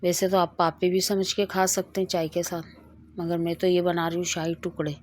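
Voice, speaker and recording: A woman's voice: on the low side, flat delivery, normal speed, a little hiss or hum. A middle-aged woman hosting a home cooking video, chatting as she demonstrates a recipe and tells a moral story along the way. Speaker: cooking channel host.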